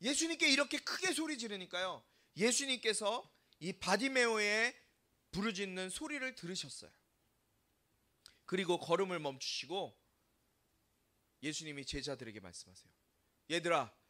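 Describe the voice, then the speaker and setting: A man's voice: high-pitched, expressive, normal speed, long pauses, bright, forceful tone. A male pastor preaching a sermon, telling the story and putting rhetorical questions to the congregation. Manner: dramatizes quoted voices.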